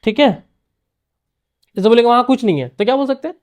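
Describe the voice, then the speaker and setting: A man's voice: very high-pitched, lively intonation, fast talker. A man teaching an English grammar lesson to a class in Hindi, often quizzing students by name and checking they understand.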